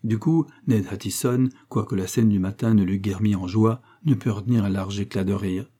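A man narrating a classic adventure novel in a steady, measured reading. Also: fairly low pitch. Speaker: audiobook narrator.

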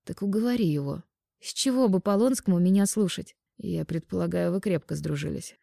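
A woman's voice: fairly low pitch, a little fast, vocal fry, dark tone, no room sound, clean studio sound. A woman voicing a pushy young man who haggles, in an audiobook reading. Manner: pushy, wheedling bargaining. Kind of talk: audiobook narration.

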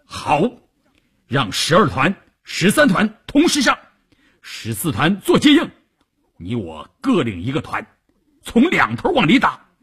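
A man voicing a hot-tempered army division commander who shouts orders and curses, with a husky voice. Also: a little high, exaggerated voice.

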